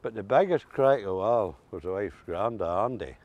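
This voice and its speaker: An elderly Ulster Scots man with a fairly low, animated voice tells dialect-laden, folksy stories of bygone country life at a moderate pace. The casual interview has a lo-fi sound.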